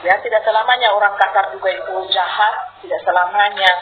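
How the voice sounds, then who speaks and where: A woman's voice: mid-range voice, steady tone, fast talker, slight background noise. Woman preacher on a tinny live stream. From Sulawesi, Indonesia. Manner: chatty, laughs often, addresses listeners directly. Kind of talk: live-streamed sermon talk.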